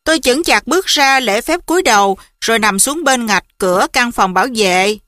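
Woman narrator, storybook reading, fairly high, bright, dry studio. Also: normal speed, no room sound. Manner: lively, expressive first-person narration. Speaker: audiobook narrator.

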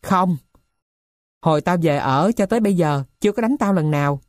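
A woman voicing a small, gentle, timid boy who speaks softly. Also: lowish voice, lively intonation, moderate pace, no echo, studio quality, close to an everyday voice. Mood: quiet. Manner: soft, hesitant.

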